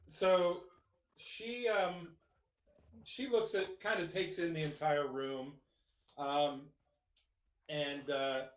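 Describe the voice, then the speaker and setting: A man running a tabletop game, talking slowly and hesitantly with lots of ums and restarts. His voice sits a bit high for a man, in an echoey room with faint hiss. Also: fairly even intonation, recorded from a distance. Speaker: game master.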